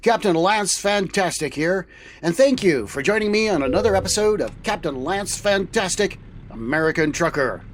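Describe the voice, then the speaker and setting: Hosting a semi-scripted radio-serial roleplay, this man plays an upbeat, easygoing space-cadet style trucker captain full of enthusiasm. His high voice is animated and moves at normal speed, with a little hiss or hum in the recording.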